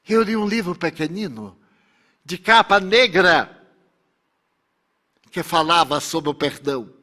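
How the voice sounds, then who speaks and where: A man voicing a grieving woman survivor who forgives her tormentor, speaking slowly and solemnly. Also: fairly high pitch, pushed and bright, heavily acted.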